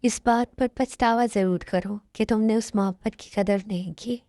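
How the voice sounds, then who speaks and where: A woman's voice: mid-range voice, fairly even intonation, moderate pace, dark tone, no echo, studio quality, natural voice. A woman voicing a caring young male college student in an amateur dubbed love story, talking in an earnest, soothing way.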